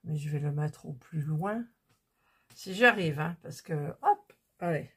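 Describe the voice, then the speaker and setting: Slow chatty French woman showing her buys. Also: low-pitched, lively intonation, a bit bright, husky. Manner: chatty, talks to viewers while fiddling with items. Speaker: vlogger showing purchases. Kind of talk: casual haul chat.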